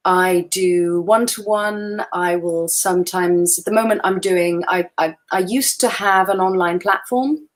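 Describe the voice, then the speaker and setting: A woman's voice: on the low side, fairly even intonation, unhurried, hardly any pauses. A woman in her forties, a photographer presenting in a chatty, self-deprecating way over a video call. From Wales. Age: 40s. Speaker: guest photographer. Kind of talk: webinar presentation.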